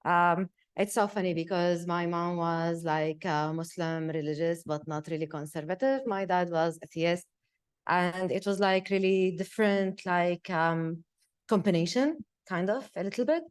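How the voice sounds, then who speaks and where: A woman from Syria, speaking at a panel talk, halting with many fillers. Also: lowish voice, fairly even intonation, smooth. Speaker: project participant. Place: gallery event room.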